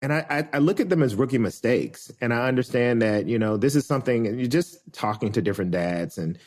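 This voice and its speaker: A man talking as a podcast guest, reflective and hesitant, pausing often with fillers as he thinks. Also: mid-range voice, expressive, darkish tone. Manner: thoughtful, hesitant, many fillers. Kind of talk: reflective conversation.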